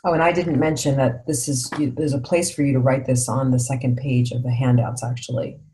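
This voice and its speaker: Her bass voice is dark in tone, fairly quick, with fairly even intonation, and a little hiss or hum sits in the recording. She's guiding a parenting workshop, speaking reflectively, checking in with "right?" and asking her listeners leading questions.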